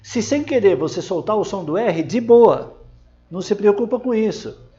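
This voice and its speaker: Man, English teacher, high-pitched, step-by-step pronunciation lesson, muffled lo-fi audio. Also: expressive, mellow. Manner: explains pronunciation step by step, models English words slowly; frequent checking tags to the viewer. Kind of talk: online language lesson.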